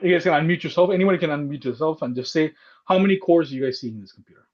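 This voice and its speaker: Racing along in a fairly high voice with a darkish tone, a computer course instructor teaches a live class over a video call, walking through each step and checking in with "okay?" and "right?". His laptop or headset mic makes the audio muffled.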